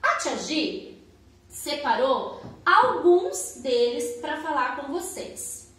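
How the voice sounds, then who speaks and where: Woman, children's church teacher, high bright voice, unhurried coaxing sing-song, very echoey room. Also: sing-song. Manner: slow, sing-song, coaxing, with many tag questions to children. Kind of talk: online children's service and Bible story.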